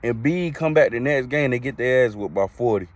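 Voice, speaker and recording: A man's voice: medium pitch, animated, brisk. A man from North Carolina, hosting a podcast and giving blunt, slangy basketball takes, often repeating himself for emphasis. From Greensboro, North Carolina. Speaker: podcast host. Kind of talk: casual sports talk.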